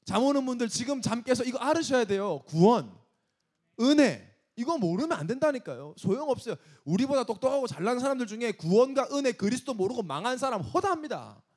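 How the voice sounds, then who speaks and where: A man's voice: very high voice, sing-song, brisk, darkish tone. A man preaching an emphatic sermon to young adults as pastor, scolding and asking rhetorical questions.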